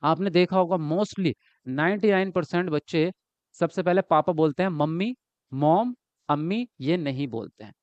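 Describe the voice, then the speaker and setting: Lively male teacher giving an online lesson. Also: a little high, moderate pace, dry recording, dull audio. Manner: lively, repeats words and asks students if they follow. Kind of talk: online exam-prep lecture.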